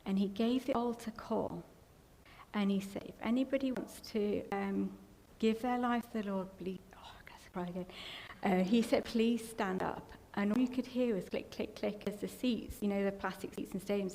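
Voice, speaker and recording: A woman's voice: mid-range voice, normal speed, vocal fry, mellow. English woman sharing a tearful testimony. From England. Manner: emotional, tearful at times, rambling storytelling. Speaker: church member giving testimony. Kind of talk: personal testimony. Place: church hall. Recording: long hall reverb, faint background noise.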